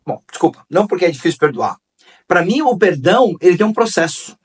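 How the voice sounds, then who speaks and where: A man's voice: high voice, very animated, brisk, husky, far from the mic. A man hosting a conversational talk on forgiveness, repeating key phrases and telling stories. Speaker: host.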